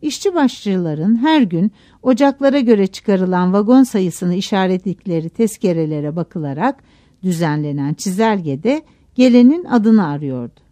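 Expressive woman reading a novel. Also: mid-range voice, moderate pace. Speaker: narrator. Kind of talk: audiobook narration of a novel.

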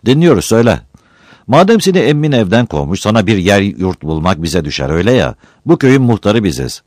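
A man's voice: fairly low pitch, sing-song, brisk, a little mellow, no echo, clean studio sound, pitched above the performer's own voice. A man voicing a pompous village headman giving orders to a young man. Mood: bossy. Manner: bossy, commanding. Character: pompous middle-aged male village headman.

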